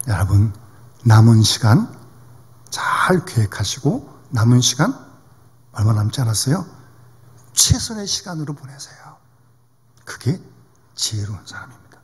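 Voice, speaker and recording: A man's voice: mid-range voice, sing-song, unhurried, pauses often, husky. A male pastor preaching a sermon in a conversational way, often asking the congregation questions. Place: church sanctuary. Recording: reverberant church hall.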